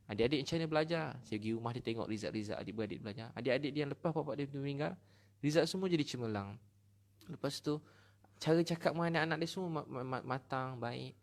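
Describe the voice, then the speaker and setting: A middle-aged man with a Malaysian Malay accent preaching a sermon, telling stories with feeling and rising loud at key points. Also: medium pitch. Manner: storytelling, emotional, rises in loudness at key points.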